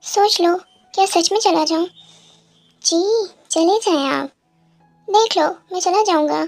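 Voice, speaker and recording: A woman's voice: extremely high pitch, a little slow, gravelly, faint music behind, exaggerated voice. A woman voicing a playful young husband who teases his wife in a storybook tale. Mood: teasing. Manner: teasing, playful. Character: young husband, teasing and affectionate.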